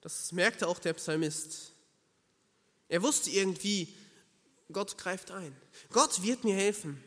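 Earnest, high-voiced male preacher. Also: slow, long pauses, fairly bright tone, in a large hall. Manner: earnest, emphatic, addresses listener directly. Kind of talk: sermon.

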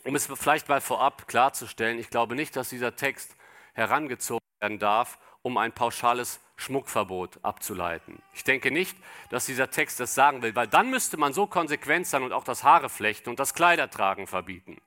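A man's voice: mid-range voice, expressive, sharp tone. A man preaching an expository sermon, speaking straight to the congregation and asking them rhetorical questions. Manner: reads scripture aloud slowly.

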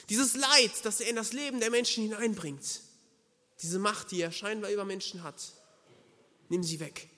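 A man's voice: high voice, a bit bright, long reverb tail. A man preaching a sermon, earnest and emphatic, speaking directly to the listener.

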